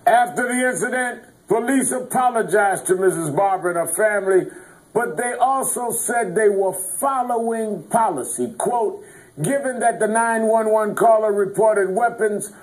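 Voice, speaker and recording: A man anchoring a news program, introducing a story and interviewing guests in a measured, earnest way. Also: high voice, poor audio. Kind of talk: broadcast news presenting.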